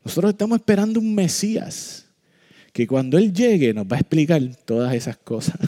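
A man preaching a sermon, joking and animated at times, then slowing into solemn, deliberate points. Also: a little high. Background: soft piano music.

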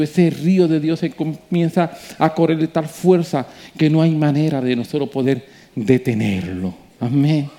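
A male preacher, telling a story and building to emphatic sermon preaching. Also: fairly high pitch. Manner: animated, rising to emphatic preaching.

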